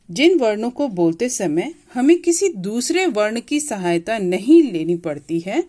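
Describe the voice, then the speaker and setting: A woman's voice: mid-range voice, darkish tone. A woman teacher explaining a grade-school grammar lesson patiently, repeating points and asking the class questions.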